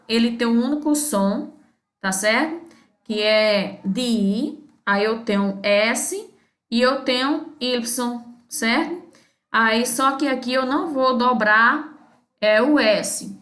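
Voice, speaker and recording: Brazilian lady teacher going slow thru grammar, kinda high voice, echoey room. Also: a bit bright. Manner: patient, repeats "certo?" after each step. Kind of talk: recorded English grammar lesson.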